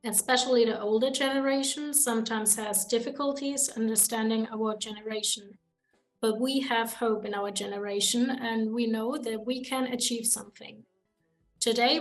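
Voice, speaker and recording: A young woman from Germany hosting a student podcast, reading prepared points in a measured way. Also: a little high, low-quality recording. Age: young adult. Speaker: podcast host. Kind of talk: student podcast, read from notes.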